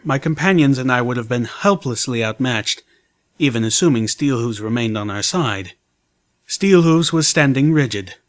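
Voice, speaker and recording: A man's voice: mid-range voice, a bit bright. Man narrating a fan fiction audiobook.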